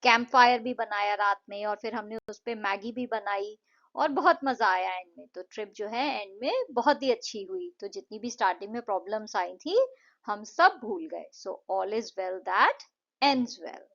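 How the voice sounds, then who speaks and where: A woman explaining an English lesson to children, patiently repeating words slowly to show their syllables. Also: medium pitch, lively intonation, a bit bright, lo-fi sound. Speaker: English tutor.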